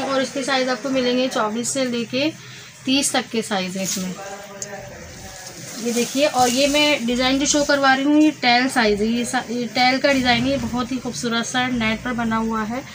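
A woman with a Pakistani accent and a voice on the high side shows off wholesale stock in an indoor garment shop crammed with fabric. Her informal sales talk repeats itself and mixes in English words, recorded on a handheld phone with clear background noise.

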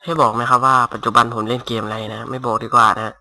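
A young man casually commentating his Minecraft game at home on a headset mic, talking softly and rambling. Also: mid-range voice, flat delivery, fast, gravelly. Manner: rambling, talks softly to avoid disturbing neighbors. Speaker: gaming YouTuber. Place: home room. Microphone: cheap gaming headset mic.

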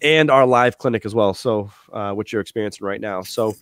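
A man's voice: on the low side, no room sound. A young man hosting a live football coaching clinic on a video call, talking casually with many fillers, through an earphone mic. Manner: relaxed, quick, lots of fillers and restarts. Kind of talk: casual live-stream presentation. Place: small room at home.

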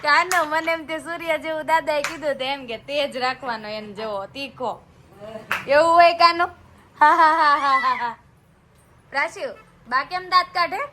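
A woman hosts a casual family vlog in a fairly high voice. She drifts into sing-song baby talk as she chats. Steady traffic noise runs beneath her. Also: normal speed. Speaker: vlogger. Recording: noisy with passing traffic.

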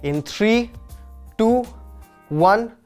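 A man in his twenties with an Indian English accent, hosting a jokey, excitable comedy vlog. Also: sits high, extremely slow, faint music behind. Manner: excitable, jokey, breaks into yelps. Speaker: host.

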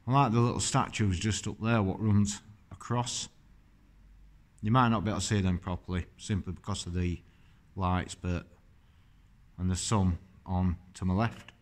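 A rambling, chatty man gives a casual walking-tour commentary. His voice sits fairly low, and he talks to the camera in an easy, admiring way. He is filming on a handheld phone inside an old stone church. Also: steady tone, moderate pace. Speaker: vlogger.

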